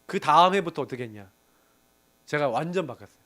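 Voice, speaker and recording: A middle-aged male pastor preaching with a high voice. His pitch swings widely as he tells a lively story from his own work, laughing as he goes and acting out what others said. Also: brisk. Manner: animated storytelling with laughs and acted quotes. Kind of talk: sermon to a young adults group.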